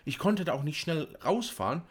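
A young man chatting casually, telling an animated story with lots of fillers and restarts. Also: on the high side, brisk, breathy edge. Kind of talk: casual chat.

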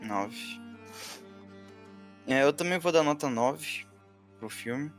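A man co-hosting a casual film review chat, talking in a slangy, laid-back way that gets lively when he jokes. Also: fairly high pitch, slow, soft background music. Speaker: co-host of a film review show.

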